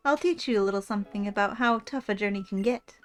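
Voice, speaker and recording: A woman voicing a self-important lady gym leader and model from a video game, calmly lecturing in a composed way. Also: mid-range voice, fast, soft background music, close to an everyday voice. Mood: composed, instructive. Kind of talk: reading video game dialogue aloud.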